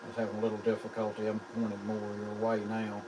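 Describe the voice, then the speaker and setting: A man's voice: lowish voice, monotone, quick pace. A man working as an amateur radio operator, plain-spoken and folksy, calling and repeating phonetic call signs amid radio static. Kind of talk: ham radio calling and casual contact. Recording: clear background radio noise.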